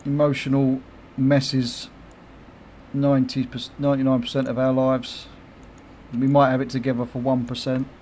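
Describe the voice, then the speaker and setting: A middle-aged man, chatting loosely while he streams a game from home. He swears freely, laughs a lot and replies to viewers' comments. His voice sits at a mid pitch, with a faint hiss behind it. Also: completely flat delivery, moderate pace, darkish tone. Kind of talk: casual livestream chat.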